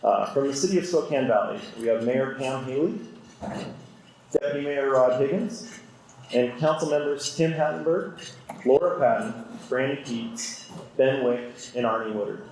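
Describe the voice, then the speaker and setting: A man's voice: medium pitch, moderate pace, darkish tone, a little hiss or hum. A man speaking at a podium microphone as emcee of a civic event, steadily announcing names and partners in a formal way. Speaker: chamber of commerce president and event emcee. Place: large indoor event hall. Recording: echoey hall PA sound.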